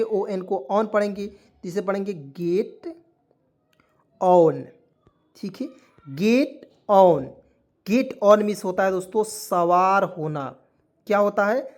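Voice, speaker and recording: A man's voice: sits high, darkish tone. A man from rural India teaches English to Hindi speakers, sounding out each letter and then drawing out every meaning word by word. He keeps checking in with the listeners. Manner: spells letters out and repeats meanings slowly, keeps asking "okay?". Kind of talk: Hindi lesson spelling out English phrases.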